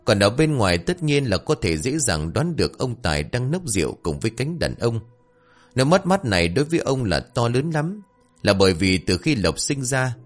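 A man narrating a dramatic story with an expressive, rising and falling delivery. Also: on the low side.

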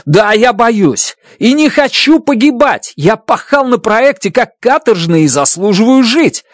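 A reader voicing a frightened male scientist who shouts and pleads in an audiobook. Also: medium pitch, sing-song, measured pace, dry recording, studio quality, voice pushed up. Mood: protesting. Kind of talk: audiobook character voice.

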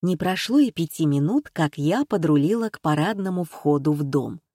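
A woman narrating an audiobook in a brisk, even storytelling manner. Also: deep voice, no echo, clean studio sound.

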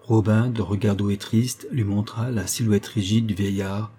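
A man narrating an adventure novel as an audiobook in a measured literary reading. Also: lowish voice, steady tone, warm tone. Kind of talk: scripted narration.

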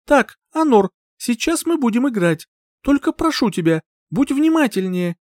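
A man voicing an impatient, scrappy young woman in an audiobook, shrill and exasperated. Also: big pitch swings, moderate pace, a little mellow, dry recording, studio quality. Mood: bossy.

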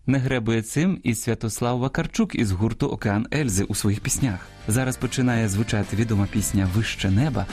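A man hosting a radio language program, reading a scripted lesson in a measured, teacherly way and speaking straight to his listeners. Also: fairly low pitch, darkish tone, slightly rough, soft background music. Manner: measured, didactic, addresses listeners directly.

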